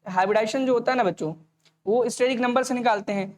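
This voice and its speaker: A man teaching an online exam-prep lecture, talking fast and repeating each point as a question to the students before answering it himself. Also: very high voice. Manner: casual, addresses students directly.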